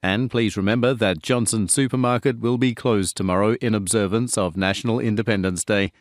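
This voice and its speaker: A supermarket announcement, read by a man in a lowish voice with a clear, even and measured delivery. The sound is dry and close, with no store echo, as in a studio reading. He is a polite and upbeat store announcer addressing shoppers. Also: lightly acted. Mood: announcing. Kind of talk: scripted supermarket announcement read for a listening test.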